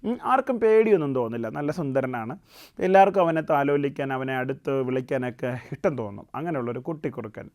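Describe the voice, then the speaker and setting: Gentle male storyteller for children. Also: mid-range voice, expressive, fairly quick. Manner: gentle, keeps asking the children questions as he tells the tale. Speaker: puppet show host and storyteller.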